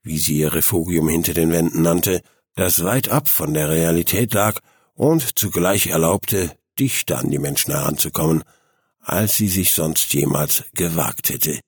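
A man narrating an audiobook in a calm, even reading. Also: deep voice, a little slow, slightly rough, no room sound, studio quality.

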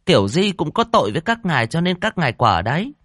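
A man's voice: a little high, big pitch swings, fast, fairly bright tone, no room sound, clean studio sound, voice pushed up. A man doing nosy, gossiping village women. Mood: fretful gossip. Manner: chattering, whining.

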